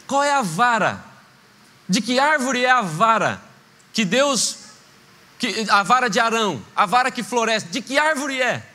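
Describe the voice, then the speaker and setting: High-voiced preaching man in echoing church. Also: pushed and bright. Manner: impassioned preaching, acts out voices in anecdotes. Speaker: pastor. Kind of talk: sermon. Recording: reverberant church hall.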